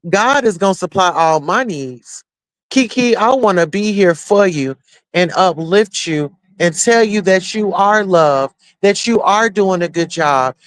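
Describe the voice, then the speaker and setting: High, smooth-voiced man chatting slangily. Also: animated, a little slow, no room sound. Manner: chatty, slangy, preachy asides. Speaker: YouTube commentator. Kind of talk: casual commentary chat.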